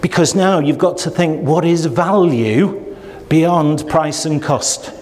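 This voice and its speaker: A man's voice: on the high side, slow pace, darkish tone. A man teaching procurement to a room, asking rhetorical questions and acting out what buyers and suppliers say. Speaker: procurement trainer. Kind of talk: lecture to a room of trainees. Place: training room. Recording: long hall reverb.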